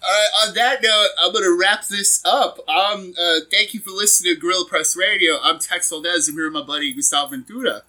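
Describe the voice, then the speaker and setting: Bright-voiced laughing podcast host man. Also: sits high, a little fast, few pauses, rough recording. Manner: laughs often, loose and rambling. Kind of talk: casual chat.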